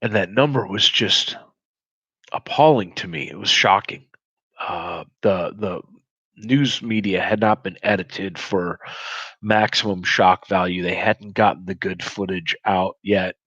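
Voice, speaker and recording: A man in his forties with a very low voice tells a personal story candidly, blunt and profane yet reflective. The sound is dry and a little dull. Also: a little slow, a bit bright, slightly rough, dry recording. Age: 40s.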